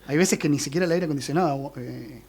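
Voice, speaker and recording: Argentine man, 40s, rapid casual chatter, slightly high voice, studio guest. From Argentine Patagonia. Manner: relaxed, chatty slang, frequent fillers. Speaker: musician guest. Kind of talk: casual interview chat. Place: radio studio.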